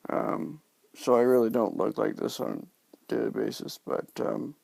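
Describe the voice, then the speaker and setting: A man talking in a casual video diary, halting and subdued as he recovers from oral surgery, his speech slightly impeded by new dentures and a sore mouth. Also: medium pitch, level tone, creaky, a little mellow, no echo. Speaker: vlogger sharing recovery from dental surgery.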